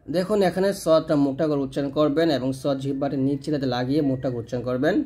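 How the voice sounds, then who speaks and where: A man teaching Quran reading, explaining step by step how to pronounce letters and stretching each sound out slowly to demonstrate. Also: medium pitch, fairly even intonation, dark tone. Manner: patient, explanatory. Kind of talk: step-by-step pronunciation lesson.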